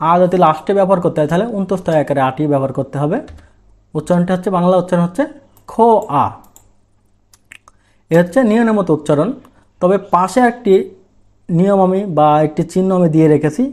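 A man's voice: high voice, quick pace, a little mellow. A man teaching a language lesson, explaining step by step and often asking a question and then answering it himself. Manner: asks and answers his own questions.

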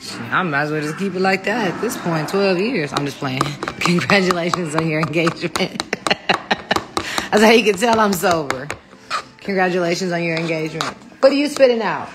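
Low-voiced woman rambling on a phone live from the kitchen, laughs a lot. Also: animated, normal speed, noisy background. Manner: chatty, rambling, laughs easily, motherly with kids. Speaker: livestreamer. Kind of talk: casual livestream chat. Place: home kitchen, indoors. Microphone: phone held close.

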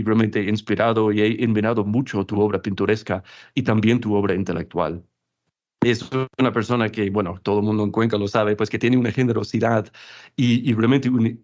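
A man's voice: on the low side, a little mellow. A man hosting an interview, reading a prepared, slightly formal introduction of his guest, correcting small slips as he goes. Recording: dull lo-fi audio.

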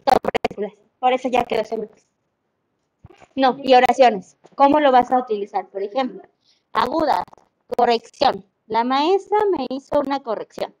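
Speaking unhurriedly in a fairly high, darkish voice, a woman with a Mexican Spanish accent teaches online. She explains with patience and confirms her students are following, using a video call mic.

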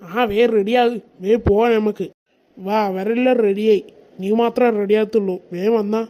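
A performer voicing an exasperated middle-aged husband in a cartoon, with a sarcastic, grumbling manner. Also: male voice, sits high, steady tone, moderate pace, dull audio, lightly acted. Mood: nagging. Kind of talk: cartoon voice acting.

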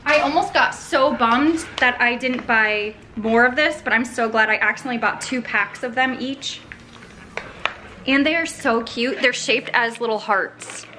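A woman's voice: on the high side, unhurried, noisy background. A woman chatting casually and bubbly in a haul vlog, rambling a little. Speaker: vlogger, dog owner.

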